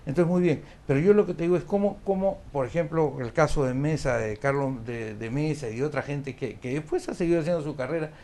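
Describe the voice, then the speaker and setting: A man with a slightly raised pitch recounts old events in an animated way. He often breaks off and restarts his sentences as a talk-show guest. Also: fairly quick, few pauses. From Peru. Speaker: lawyer guest. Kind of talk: conversational storytelling interview. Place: studio of a live-streamed talk show.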